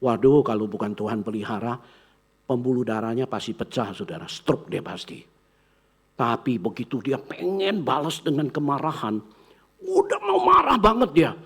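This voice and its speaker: A male pastor preaches through a story, jumping up in pitch to act out each person in it. His voice is husky and sits at an ordinary middle pitch. He tells it casually, as though talking to his congregation. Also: moderate pace. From Indonesia. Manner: animated storyteller, acting out quoted voices with big pitch jumps. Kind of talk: sermon with storytelling.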